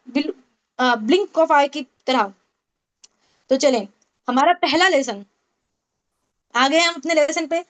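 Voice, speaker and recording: A woman's voice: high-pitched, long pauses. A woman teaching a Tajweed class online, explaining step by step, asking the class questions and repeating key points. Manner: explains with questions and repetition, mixes English terms. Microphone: online meeting call.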